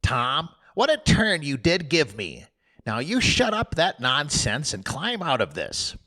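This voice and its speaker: A storybook old woman, brisk and no-nonsense, her voice lifted a little above an adult man's, as a male narrator puts her on. She scolds in a flustered way with lively swings in pitch. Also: exaggerated voice. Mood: relieved scolding. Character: older woman Aunt Polly, stern but worried.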